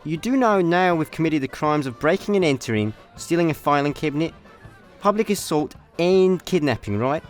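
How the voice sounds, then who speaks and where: In a comedic sci-fi radio play, a male actor with a slightly high, natural-sounding voice plays an easygoing, scatterbrained intergalactic slacker with a Scottish accent. He is chatty and deadpan, speaking at normal speed in a mood of casual banter, with soft music in the background.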